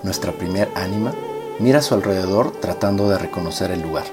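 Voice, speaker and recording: Un hombre con acento mexicano que narra un cuento con guion, de manera descriptiva. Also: male voice, deep voice, brisk. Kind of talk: scripted storytelling narration. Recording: guitar music loud behind.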